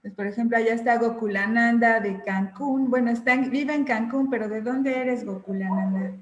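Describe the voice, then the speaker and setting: A woman leads an online class from an echoey room, her voice sitting a bit higher than most. She talks casually over a video call, encouraging each participant as she calls on them. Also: moderate pace, dull audio. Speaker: class host.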